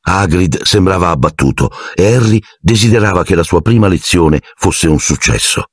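Deep husky guy narrating an audiobook, very expressive, dry close mic. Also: moderate pace, no room sound. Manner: expressive storytelling, acting out each character. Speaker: audiobook reader.

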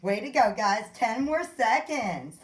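A woman's voice: on the high side, expressive, a little slow. A woman fitness instructor leading a kickboxing workout, counting out moves and calling out encouragement, out of breath. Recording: echoey room.

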